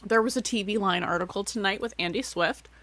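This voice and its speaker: A woman's voice: mid-range voice, brisk, a bit bright, no room sound. A young adult woman co-hosting a casual live podcast chat, bubbly and laughing often. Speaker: podcast co-host.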